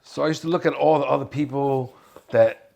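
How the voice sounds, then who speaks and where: Gravelly streetwise man from Hong Kong. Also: mid-range voice, fairly even intonation, brisk, mellow. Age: 40s. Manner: streetwise, laughs while telling stories. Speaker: guest. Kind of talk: casual interview.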